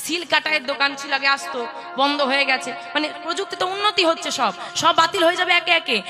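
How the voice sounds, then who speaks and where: A woman with a high, fast voice preaches a playful kirtan sermon at a religious gathering, teasing the seated audience and prompting them to chant along. Loud live devotional music sounds behind her.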